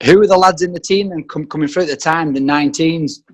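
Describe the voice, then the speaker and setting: A man in his late thirties hosts a casual podcast chat. His voice sits fairly high, and he asks questions in a relaxed way and chips in with short agreement. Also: fast. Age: late 30s. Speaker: podcast host.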